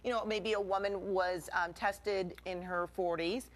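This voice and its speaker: A woman's voice: mid-range voice, fairly even intonation, measured pace. Attentive female news anchor. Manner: attentive, encouraging, frequent affirmations. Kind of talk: TV news interview.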